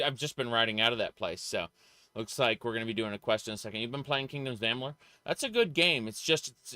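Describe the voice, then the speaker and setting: A game streamer with a medium-pitched, bright, forceful, clean voice gives casual live gameplay commentary, rambling, opinionated, and repeating phrases for emphasis. His dry, close voice has no echo and sits over faint game music.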